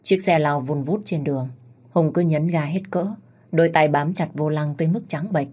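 A woman narrating a story in a steady, scripted storytelling manner. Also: sits low, moderate pace, slightly rough.

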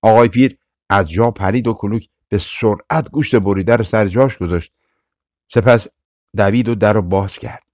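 Man reading a fairy tale audiobook, low voice, dry close sound, calm measured telling. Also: dry recording. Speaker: audiobook narrator. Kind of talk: storytelling narration.

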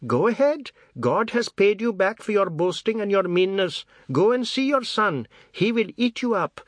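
A man voicing a furious, scolding old village grandmother in a storybook reading, shrill and sharp-tongued. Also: very animated, normal speed, no echo, studio quality.

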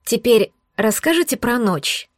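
A woman's voice: a little high, animated, unhurried, dry recording. A woman voicing a stern male werewolf boss who speaks in a dry, cold, clipped tone.

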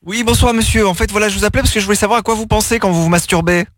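Guy doing a super polite prank caller voice, fast and high, playing innocent. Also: soft background music, close to an everyday voice.

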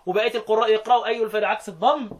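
An Egyptian man teaching Quran recitation, quizzing his students and slowly chanting verse lines between his explanations. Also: high voice, fairly even intonation, noisy background. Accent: Egyptian Arabic. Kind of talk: interactive classroom lesson.

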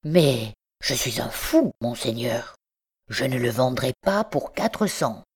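A woman's voice: extremely low pitch, big pitch swings, slow pace, breathy edge, heavily acted. A woman doing an old bookseller who stammers over his treasures. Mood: fretful. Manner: stammering, pleading, feverish.

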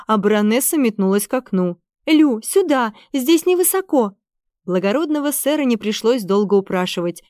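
Female narrator, expressive storyteller, dry close recording. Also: medium pitch, no echo. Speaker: audiobook narrator. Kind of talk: scripted narration.

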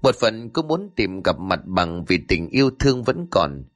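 A man reading a story as narrator with steady scripted narration. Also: low-pitched, measured pace.

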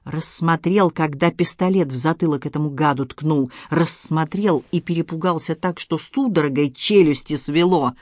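A man's voice: fairly high pitch, moderate pace, few pauses, dry recording, studio quality. A man reading a crime novel aloud with tense, dramatic narration. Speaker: audiobook narrator. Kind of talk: scripted narration.

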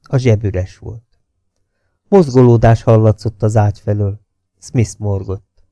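A man narrates a novel in a low, gravelly voice, measured and steady, sometimes sinking to a hush. His tone is dark and mellow. He is recorded close on the mic in a dry, dead room. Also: dry recording. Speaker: audiobook reader.

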